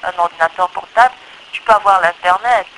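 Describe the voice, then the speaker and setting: An electrical engineer in her thirties from the Democratic Republic of the Congo explains her views as an interview guest, speaking conversationally with a Congolese accent and repeating points for emphasis. Her voice is fairly low, brisk and fairly bright, and the poor audio carries slight background noise.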